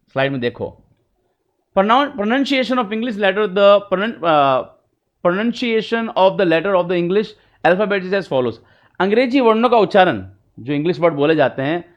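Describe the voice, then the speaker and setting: A young man with a Hindi accent teaching an English grammar lesson, mixing Hindi and English and checking in often with his students. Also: high voice. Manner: mixes Hindi and English, casual explaining with frequent checks.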